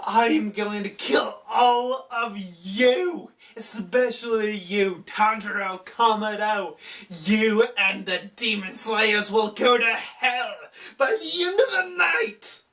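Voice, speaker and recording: A man's voice: slow pace, pushed and bright, full character voice. A man voicing a cruel, gloating male demon lord in a strained, cackling voice. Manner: taunting, cackling, strained and higher. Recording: voice distant from the mic.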